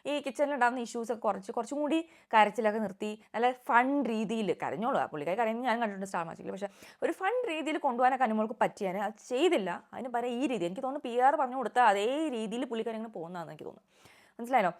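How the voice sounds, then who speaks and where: A woman's voice: a little high, lively intonation, rapid-fire. A young woman giving casual, opinionated vlog commentary on a reality show, mixing in English words.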